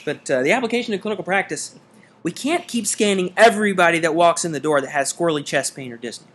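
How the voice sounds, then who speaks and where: A man's voice: on the high side, expressive, fast talker, fairly bright tone, slightly rough. An American man co-hosting an emergency medicine podcast, talking in a wry, conversational way with folksy turns of phrase. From United States. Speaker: emergency physician podcast co-host. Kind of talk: casual medical discussion.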